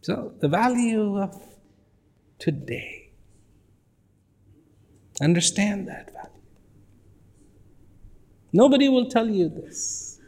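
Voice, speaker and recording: Here the same kind of reflective audience talk comes from a man with a high, expressive, somewhat dark voice. He moves slowly, pausing often, repeats phrases to stress them, and at times drops to nearly a whisper.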